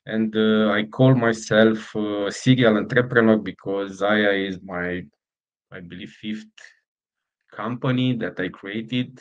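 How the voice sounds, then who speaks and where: In a low-quality recording, a middle-aged man from Romania, a startup founder, speaks with a Romanian accent as he fields interview questions. His voice sits on the low side, and his answers come out halting, packed with fillers and false starts.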